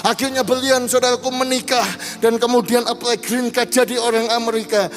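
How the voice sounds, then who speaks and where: A man's voice: extremely high pitch, level tone, a little fast, a bit bright, faint music behind. A man preaching a sermon, telling a testimony fervently and calling out to the congregation again and again. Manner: fervent, repeatedly addressing the congregation.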